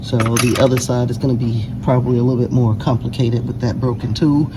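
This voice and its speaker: This vlogger's mid-range voice is flat and brisk as he plainly talks the camera through his own car repair, one step at a time. He's in a noisy workshop where vehicle-like sounds carry in the background.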